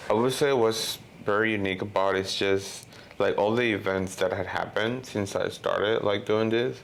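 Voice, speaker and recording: Interview guest, man from Honduras, 30s: deep gravelly voice, casual and rambling. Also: steady tone, normal speed, a little hiss or hum. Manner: rambling, lots of "you know" and "like" fillers. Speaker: guest filmmaker.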